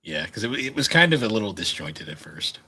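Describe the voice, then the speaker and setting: Husky-voiced wry man on a podcast. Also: lowish voice, big pitch swings, fast talker, bright, forceful tone. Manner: wry, blunt, laughs at his own jokes. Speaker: podcast co-host. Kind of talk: casual chat.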